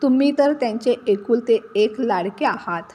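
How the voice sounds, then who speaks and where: A woman's voice: on the high side, moderate pace, dark tone, a little hiss or hum, close to an everyday voice. A woman voicing a tearful young daughter-in-law pleading.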